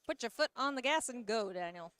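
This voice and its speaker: A woman giving live play-by-play commentary on a card game, playful and quick to laugh. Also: fairly high pitch, animated, fairly bright tone, smooth, no room sound.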